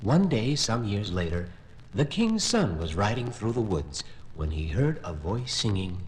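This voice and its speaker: A man narrating a fairy tale on a vintage children's record in an expressive storytelling voice. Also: on the low side, unhurried, a little hiss or hum, poor audio.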